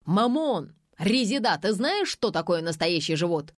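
Woman doing a shouty young director guy, bossy, voice jumps all over. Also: mid-range voice, very animated, a little slow, no echo, studio quality. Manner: yelling, barking orders.

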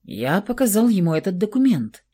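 A woman's voice: medium pitch, sing-song, normal speed, warm tone, breathy edge. A woman reading aloud and voicing a cold, domineering elder vampire brother who speaks curtly and commandingly. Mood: icy. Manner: icy, curt, commanding.

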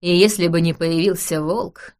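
A woman reading an audiobook, voicing a composed nobleman with a dry, wry, measured way of talking. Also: lowish voice, fairly even intonation, a little mellow, close to an everyday voice.

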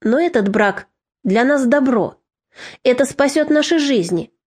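A woman's voice: high voice, animated, unhurried, darkish tone, breathy edge, exaggerated voice. A woman voicing a bitter, harsh middle-aged mother who snaps curtly. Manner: curt, snapping.

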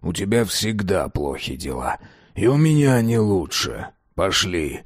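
A man's voice: sits low, big pitch swings, a little slow, dry recording, clean studio sound, full character voice. A man reading the part of a cynical older official, a grandfather who rants irritably about everyone around him. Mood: defensive. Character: bitter older male official, grey-haired grandfather.

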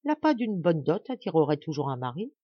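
A woman narrating a classic novel as an audiobook reader, in measured, expressive storytelling. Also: low voice, slightly rough, dry recording, lo-fi sound.

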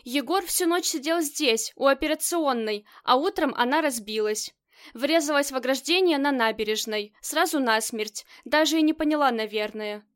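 A loyal, foul-mouthed girlfriend in an audiobook, rattling off rough slang, as a woman reads her. The voice is high. Her delivery runs loud and blunt. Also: lightly acted. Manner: rough, slangy, rapid storytelling. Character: brash loyal female friend, slangy.

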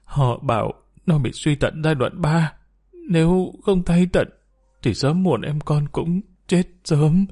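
A man's voice: mid-range voice, moderate pace, darkish tone, natural voice. A man voicing a frantic, weeping mother. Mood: distraught. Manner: tearful, fretful. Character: older mother, frantic and weeping over her son.

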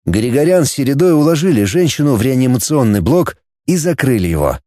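A man narrating a science-fiction audiobook in an expressive, dramatic reading. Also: medium pitch, brisk, dry recording, clean studio sound. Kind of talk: scripted narration.

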